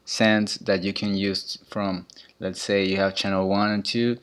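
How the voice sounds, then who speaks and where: Guy doing a casual tutorial, low smooth voice, keeps restarting sentences as he explains. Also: level tone, unhurried, a bit bright. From Ecuador. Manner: explains step by step, often restarting phrases and pointing at gear. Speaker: student presenter. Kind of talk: informal tutorial on audio mixing.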